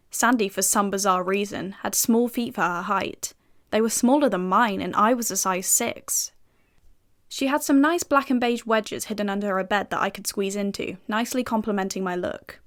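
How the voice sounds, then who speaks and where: A woman's voice: mid-range voice, a bit bright, lightly acted. A young British woman playing a self-assured FBI agent and narrating in first person with dry, sardonic asides. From United Kingdom.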